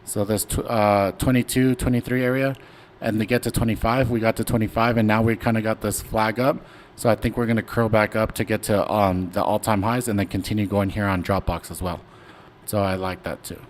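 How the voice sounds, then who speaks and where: A man's voice: lowish voice, level tone, fairly quick, slight background noise. A young man hosting a casual trading livestream, talking loosely with lots of fillers and slang. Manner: laid-back, rambling, slangy with many fillers. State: hiccuping. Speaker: stock trading stream host. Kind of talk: casual livestream chart talk.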